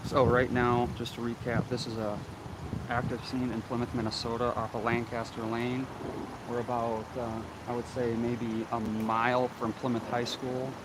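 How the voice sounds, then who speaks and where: A man reporting live as a local news streamer, halting and repetitive as he gives an unscripted on-scene update outdoors in the wind. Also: mid-range voice, monotone. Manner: halting, repeats himself. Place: outdoors on a street at an active scene. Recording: loud wind noise, outdoor vehicle ambience.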